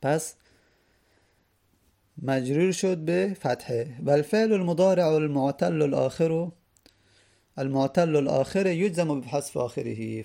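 Man teaching grammar, gravelly mellow voice. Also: mid-range voice. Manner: methodical, repeats each rule and example; reads Arabic text aloud then explains it in Persian. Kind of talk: classroom lesson explaining grammar.

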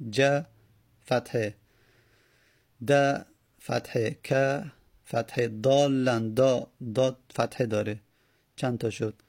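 A man teaching a grammar lesson, explaining slowly and repeating word forms as he spells them out. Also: mid-range voice, a little mellow. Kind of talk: Arabic grammar lesson in Persian.

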